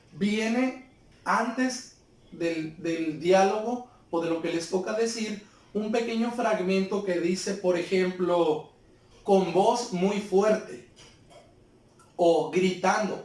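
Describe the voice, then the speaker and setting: A man's voice: high-pitched, darkish tone. A male teacher giving a patient lesson to pupils, explaining step by step and asking them questions. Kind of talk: remote class lesson. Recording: very echoey room, far from the mic.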